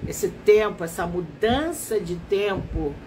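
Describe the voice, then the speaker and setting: Slow-talking woman with a stuffy nasal voice. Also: medium pitch, lively intonation, a little mellow, slight background noise, low-quality recording. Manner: slow, unhurried, explanatory. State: nasal from allergies. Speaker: therapist hosting a live stream. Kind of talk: casual live-stream talk.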